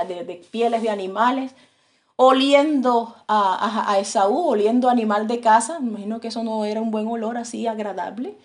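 A woman preaching a sermon, retelling a story in a conversational, storytelling way to her congregation. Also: a little high.

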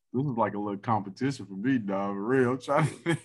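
A laid-back man in his thirties with a low voice hosts a podcast over a video call. He talks casually and easily and keeps dropping "man" and "dog" into his sentences. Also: normal speed. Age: 30s. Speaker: podcast host. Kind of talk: casual chat.

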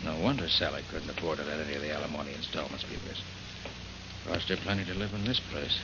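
An actor playing a wry, skeptical private detective in an old American radio drama, with clipped, dry questioning. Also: male voice, extremely low pitch, fast. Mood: brisk, skeptical. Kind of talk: mid-century American radio drama acting. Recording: muffled, noisy vintage radio recording.

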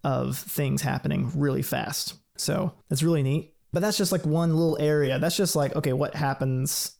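A man talks through ideas in an easygoing conversational way. His voice has a heavy gravelly fry, and he thinks aloud with light laughs. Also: on the high side, steady tone, normal speed, darkish tone. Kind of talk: casual explanatory chat.

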